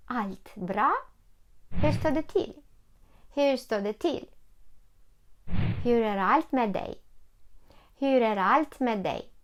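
A woman gives a beginner language lesson, speaking slowly and saying every phrase twice. Her voice sits fairly high. She models each word with careful pronunciation. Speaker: Swedish language teacher.

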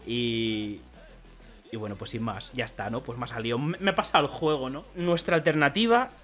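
A man's voice: mid-range voice, a little fast, faint music behind. A young man from Spain with a Spanish accent, rambling chattily while opening trading card packs for his channel. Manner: chatty, rambling, bursts into excited shouting and laughter. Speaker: card collecting youtuber. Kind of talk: pack opening vlog.

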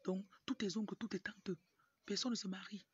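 Her voice sits at medium pitch, with a steady tone and a moderate pace. She's a young woman with a Cameroonian French accent, born in Cameroon and raised in Tonga, who works as a motivational speaker and livestream host, and here she gives an informal pep talk to camera, often going off on asides. Recorded on a phone at arm's length in an outdoor yard, the sound is muffled and noisy, with a rooster crowing and general background noise.

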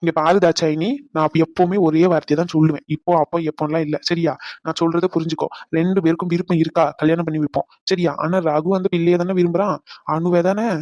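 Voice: mid-range voice, little pitch movement, fast, darkish tone, no echo, highs cut off, lightly acted. A voice actor playing a strict middle-aged father who lays down the law. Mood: firm. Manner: firm, laying down the law. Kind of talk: cartoon dubbing.

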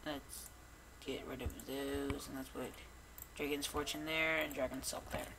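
A man giving casual gameplay commentary, rambling and chatty with many restarts and quick bursts of excitement at small finds. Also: medium pitch, background noise. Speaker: gamer recording gameplay.

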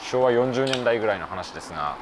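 A man narrates his trip straight to a handheld camera, his pitch rising and falling a lot as he muses aloud. He slips between polite phrasing and casual asides, and a clear, steady noise runs under his voice. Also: fast talker. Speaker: travel vlogger cycling the old highway. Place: outdoors on streets, later a hotel room.

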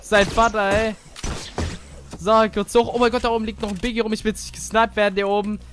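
A man giving casual gaming commentary, excitable and chatty as he plays with a teammate. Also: high-pitched, fast talker. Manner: excitable, swears casually, talks to teammate while playing. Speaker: gamer.

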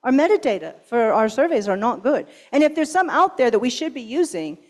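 A woman's voice: a little high, big pitch swings, a little fast. A woman giving a conference keynote and answering questions, emphatic and urgent, often posing rhetorical questions. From Pacific Northwest, US. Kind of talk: conference talk and Q&A.

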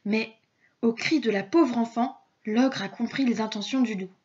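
Woman narrating a children's tale, fairly high voice, playful, dull lo-fi sound. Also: moderate pace, a little mellow. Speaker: storyteller. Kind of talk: expressive children's story reading.

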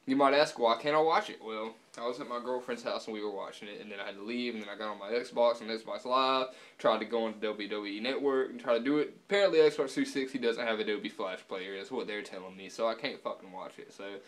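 A young man talking casually to camera with dip in his lower lip, laid-back and swearing often, filmed at home with the camera on a subwoofer. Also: fast talker, few pauses, fairly bright tone. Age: young adult. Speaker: vlogger. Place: indoors, room at home.

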